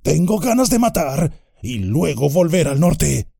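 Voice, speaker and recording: A man voicing a resentful, quarrelsome male orc from the mines in an audiobook, shrill and argumentative. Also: sing-song, unhurried, gravelly, warm tone, slightly rough, no room sound, clean studio sound, heavily acted. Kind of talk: audiobook character voice.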